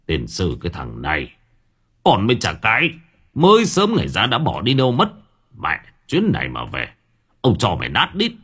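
A man voicing a gruff, short-tempered village father who scolds in a low, coarse voice. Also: huge pitch swings, normal speed, fairly bright tone, full character voice. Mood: cursing.

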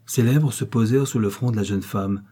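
Husky man narrating a novel. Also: fairly low pitch, a little fast, mellow. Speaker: audiobook narrator.

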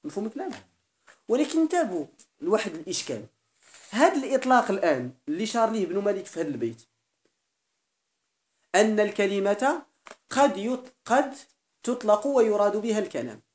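A man's voice: sits high, big pitch swings, fast talker, long pauses, echoey room. A man with a Moroccan Arabic accent teaching grammar in a classroom lecture, often questioning his students and repeating key terms.

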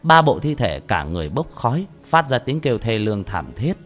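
A man narrating a fantasy novel as an audiobook, in steady storytelling that rises on action. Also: mid-range voice, brisk, faint music behind.

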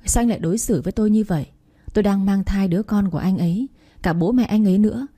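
A young woman from Thanh Hóa tells her own sorrowful story in the first person. Her reading is plaintive and emotional, with a mellow, dark-toned voice at an ordinary pitch. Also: quick pace, breathy edge. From Thanh Hóa, Vietnam. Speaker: narrator.

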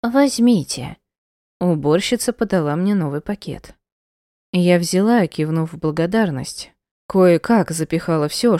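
Female audiobook narrator, mellow low voice, measured emotional storytelling. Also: no room sound, clean studio sound. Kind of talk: first-person audiobook narration.

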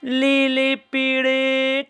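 Male storyteller putting on a cheerful cap peddler for a children's tale: raised high voice, slow stretched-out street cries, smooth tone. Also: completely flat delivery, sharp tone, faint music behind, exaggerated voice. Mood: singsong hawking. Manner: drawn-out singsong street calls.

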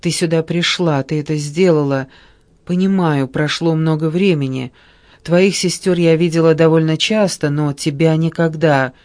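Man reading as a touchy sick mom snapping back, kinda high, dry close sound. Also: steady tone, moderate pace, no echo, close to an everyday voice. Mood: indignant. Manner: sharp, indignant. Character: tense, ill, quick-tempered mother.

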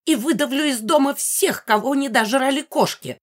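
A woman's voice: high-pitched, lively intonation, moderate pace, voice pushed up. A woman reading an audiobook, voicing a spiteful old female ghost who screeches and cackles threats. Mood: screaming. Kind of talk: audiobook character voice.

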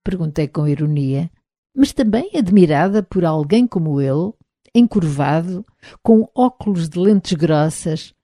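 A woman with a European Portuguese accent reading a novel aloud as an audiobook narrator, in a measured, even literary delivery. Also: fairly low pitch, no echo, studio quality.

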